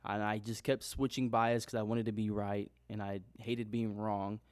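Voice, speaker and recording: A man's voice: lowish voice, level tone, normal speed, clear, resonant tone, no room sound. Young man rambling about trading. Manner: rambling, self-questioning, restarts often. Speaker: trading vlogger. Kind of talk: unscripted casual monologue. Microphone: own microphone.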